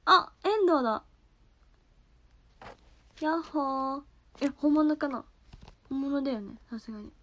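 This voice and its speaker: A woman's voice: high-pitched, lively intonation, takes it slowly, pauses often, fairly bright tone. A young woman streaming live from home, chatting casually and giggling as she reacts to viewer comments on her phone.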